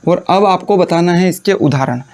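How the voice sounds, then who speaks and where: A man with a notably high-pitched voice gives a classroom-style lecture. He keeps posing questions and answering them himself, and he dictates definitions phrase by phrase, repeating each piece slowly so students can copy it into their notes. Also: a little mellow. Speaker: Hindi teacher.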